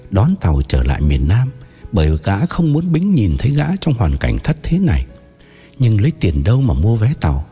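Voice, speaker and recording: A man narrating an audiobook in an expressive, dramatic storytelling manner. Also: fairly low pitch, slightly rough.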